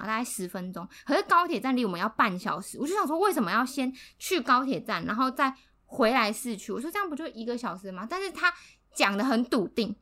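Young woman chatting on a podcast, bright voice, acts out quotes, laughs a lot. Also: a little high. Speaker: podcast co-host. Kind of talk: casual storytelling chat.

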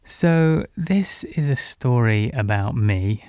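A man's voice: medium pitch, takes it slowly, clear, resonant tone, soft background music. A young man who grew up in Hong Kong tells a funny personal story on a podcast, candid and self-mocking. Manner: candid, self-mocking, lively when recalling.

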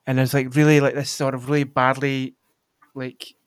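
A man's voice: medium pitch, level tone, normal speed, clean tone, dry recording, studio quality. A man, chatting casually about films as a podcast co-host, rambling with lots of fillers and restarts. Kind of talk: casual film chat.

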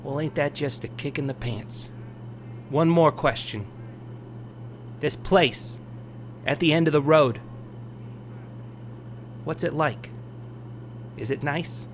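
Casting: actor for bewildered everyman traveler, radio play, wry and rambling, slightly high pitch, light background hum. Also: slow pace, pauses often. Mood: resigned. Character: wisecracking, bewildered male traveler, newly dead. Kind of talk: scripted audio drama acting. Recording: faint hum behind voice.

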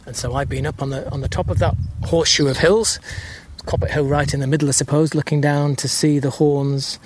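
A man's voice: on the high side, fairly even intonation, fairly quick, noisy background. A man, a storyteller narrating outdoors as he walks, musing and hesitant, a little out of breath. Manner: musing, hesitant with many fillers. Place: outdoors on a countryside hill.

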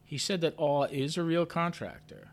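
A man narrating a story in first person with a measured, understated delivery, lifting sharply when his character asks questions. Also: fairly high pitch, animated, a little hiss or hum. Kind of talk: audio drama narration.

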